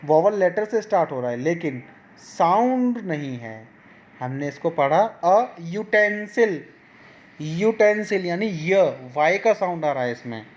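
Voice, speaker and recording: A man with an Indian accent teaching a grammar lesson online, explaining slowly and mixing English examples into Hindi. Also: high voice, big pitch swings, highs cut off.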